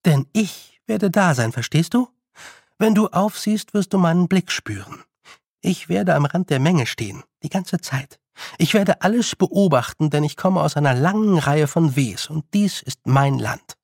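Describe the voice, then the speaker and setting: Picture a young witch girl in a storybook, calm and firm, issuing quiet commands and warnings, as a male reader puts her on. The voice is gravelly at the bottom and fairly high, recorded close and dry with no room sound. Every phrase is measured and stern. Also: no room sound, heavily acted. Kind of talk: audiobook character voice.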